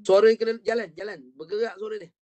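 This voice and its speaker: A man's voice: high-pitched, flat delivery, quick pace, a little mellow. A man with a Malaysian Malay accent teaching an online Quran reading class, patiently modelling sounds for his student to repeat. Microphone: video call.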